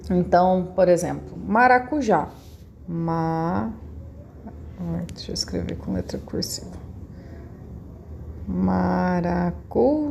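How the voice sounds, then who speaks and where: A woman's voice: on the low side, huge pitch swings, moderate pace, gravelly, slight background noise. A woman teacher with a Brazilian accent, patiently walking young pupils through a lesson step by step. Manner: patient, step-by-step explaining to children. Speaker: schoolteacher. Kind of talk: recorded remote class.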